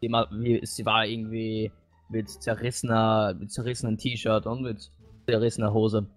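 A muddled lab clerk, played by a male gamer, in a fairly low voice over faint music. He answers hesitantly in a game role-play, repeating himself as he goes. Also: little pitch movement, natural voice. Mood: unsure. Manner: halting, repeats words.

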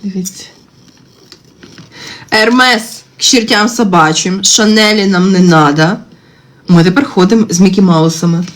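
A woman in her thirties chatting casually on a phone live stream while she draws, ranting and swearing, her pitch jumping up when she gets worked up. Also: fairly even intonation, moderate pace, pauses often. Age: 30s. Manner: swears constantly, exasperated rants with sudden high-pitched outbursts. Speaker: TikTok livestream host. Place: indoors at home. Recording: faint background noise and clicks.

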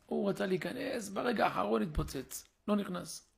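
A man preaching as a rabbi, his voice high in pitch with a gravelly, husky edge. He tells a story from the pulpit and plays out each line of dialogue, swinging his voice up and down. The sermon carries the steady pull of a live synagogue talk. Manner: acts out the story's dialogue with shifting pitch and loudness.

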